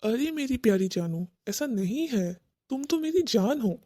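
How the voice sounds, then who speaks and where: A woman's voice: on the high side, expressive, normal speed, background noise, natural voice. A woman voicing a flustered young husband who pleads and tries to placate his mother and his wife. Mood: pleading.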